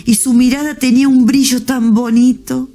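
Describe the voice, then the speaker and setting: A woman gives a heartfelt faith testimony. Her voice is mellow and dark in tone, with a soft, repetitive delivery. Faint music plays underneath. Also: high-pitched, level tone, moderate pace. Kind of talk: emotional spoken testimony.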